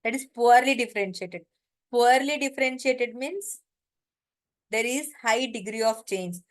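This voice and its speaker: A woman's voice: a little high, a little slow. A woman with an Indian accent giving an informal lecture, explaining step by step and often checking that students follow.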